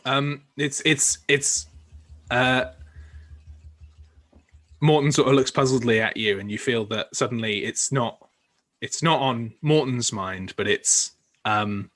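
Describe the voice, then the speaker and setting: A man narrating as game master of a tabletop game, halting with many fillers and restarts. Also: medium pitch, fairly bright tone. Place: home recording for a podcast.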